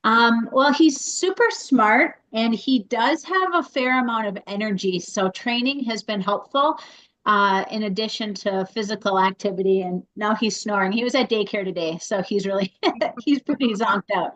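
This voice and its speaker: A woman's voice: medium pitch, normal speed, fairly bright tone, low-quality recording. A woman who fosters a dog, talking chattily and in detail over a video call. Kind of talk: casual chat.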